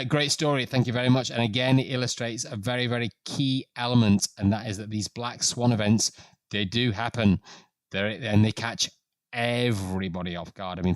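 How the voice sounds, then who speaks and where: A man's voice: a little mellow, dry recording. A middle-aged man hosting a live trading stream, commenting casually and reading viewer stories aloud. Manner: reads dramatic passages with rising pitch and force, then comments plainly.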